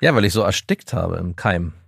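A middle-aged man with a low, gravelly voice talks openly and reflectively, often circling back to restart a thought. The sound is close and dry, with no room around him. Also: expressive, normal speed, no room sound. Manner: candid, reflective, hesitant restarts. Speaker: podcast co-host. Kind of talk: casual chat.

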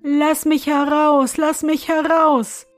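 A towering male spirit, put on by a woman reading a fairy tale, speaks with booming, haughty force. His voice sits high and loud. The storybook telling has faint music behind it. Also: takes it slowly. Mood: pleading. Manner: booming and haughty, later pleading. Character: huge proud male spirit trapped in bottle.

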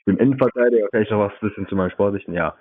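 A man's voice: fairly low pitch, racing. A teenage boy from Berlin, a guest on a podcast, speaking politely and a little hesitantly. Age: teens. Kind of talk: casual interview. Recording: tinny phone-like call.

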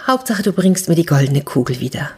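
A woman voicing a spoiled young princess in a spoken fairy tale, eager and quick to promise. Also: deep voice, big pitch swings, a little mellow, husky, exaggerated voice.

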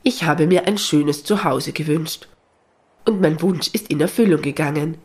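An old, gentle dog from a children's storybook recording, speaking in a soft, slow, husky voice. He sounds weary and kindly, voiced by the narrator of the tale. His pitch sits in a plain middle range. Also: natural voice. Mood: reminiscing.

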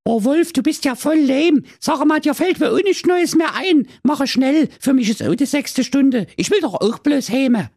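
Storybook parody: cheeky, impatient young girl, played by a man in high falsetto. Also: lively intonation, moderate pace, hardly any pauses, a little mellow, no echo, clean studio sound. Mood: bored.

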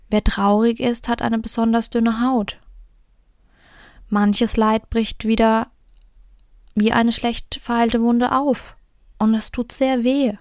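A woman voicing Sadness, a small, shrunken, lonely figure in a fairy tale, in a soft, plaintive voice. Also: mid-range voice, vocal fry, no room sound, clean studio sound.

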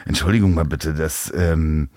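A man's voice: very deep voice, fairly even intonation, moderate pace, a little mellow, dry recording. A man hosting a podcast interview, chatty and enthusiastic, with frequent exclamations. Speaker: podcast host. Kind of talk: casual interview.

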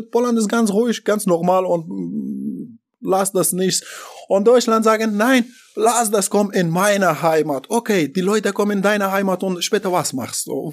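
Man from Afghanistan, halting broken German. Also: high voice. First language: not German. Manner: halting, broken German with many fillers and restarts. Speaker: interviewee. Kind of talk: interview about his deportation.

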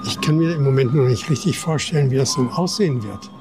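A man's voice: medium pitch, quick pace. An older man, a city tour guide telling rambling anecdotes outdoors on a walking tour. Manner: chatty, rambling, many "ja, ja" fillers. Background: street music.

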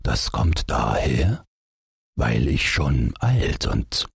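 Gender: man. Figure: a man doing a worried middle-aged father. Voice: low and husky. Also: big pitch swings, extremely slow, no echo, clean studio sound, full character voice. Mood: musing, stern. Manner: gentle, musing and troubled.

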